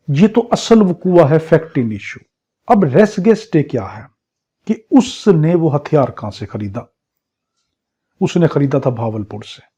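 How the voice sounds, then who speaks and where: A man with a Pakistani accent and a fairly high, warm, slightly rough voice lectures as a law teacher in an exam crash course. He drills points through repetition and rhetorical questions. The recording is dull, lo-fi and muffled.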